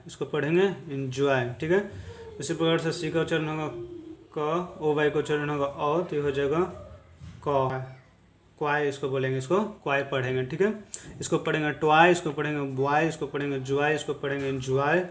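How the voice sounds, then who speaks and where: A man teaching English reading, spelling out letter sounds and repeating each word patiently. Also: fairly high pitch. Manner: repetitive, patient drilling. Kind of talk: phonics lesson.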